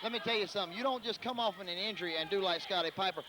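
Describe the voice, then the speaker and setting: A man's voice: sits high, rapid-fire. A man with a Southern US accent doing brash, trash-talking wrestling commentary. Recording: clearly noisy live event background.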